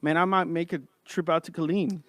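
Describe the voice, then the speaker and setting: A man's voice: fairly high pitch, steady tone, fairly quick, fairly bright tone, dry recording. A man hosting a podcast in a casual, informal chat, talking like he's among his bros. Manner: informal, says man and bro often. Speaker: podcast host.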